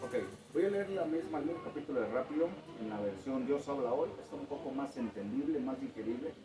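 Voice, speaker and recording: A man's voice: medium pitch, animated, fast talker. A man preaching at his church, who reads scripture aloud and then explains it in plain, conversational words. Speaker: pastor. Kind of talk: sermon with Bible reading. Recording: distant mic with faint noise.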